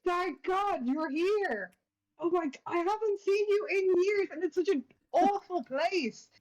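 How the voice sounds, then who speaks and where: A woman's voice: very high-pitched, a little slow, lo-fi sound, pitched above the performer's own voice. A woman putting on a gushing, joyful young heroine. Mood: overjoyed. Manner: gushing, excited, exclaiming. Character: bubbly young human woman, overjoyed, affectionate.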